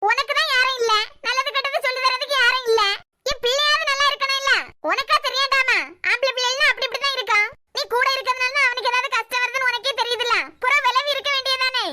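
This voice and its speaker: A woman's voice: very high voice, steady tone, fast talker, sharp tone, full character voice. A woman with a Kanyakumari Tamil accent voicing a harsh, scheming mother in a cartoon, lecturing coldly.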